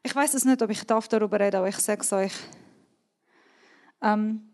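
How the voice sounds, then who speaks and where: A woman with a Swiss German accent preaching a sermon, earnest and emphatic, repeating key words and sometimes dropping to a soft, near-whispered tone. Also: mid-range voice, moderate pace.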